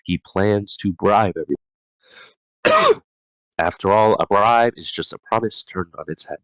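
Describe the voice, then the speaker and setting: A man's voice: fairly low pitch, measured pace, fairly bright tone, smooth, no echo, low-quality recording. A man hosting a casual book discussion, reading chapter summaries from his notes and often stumbling and correcting himself.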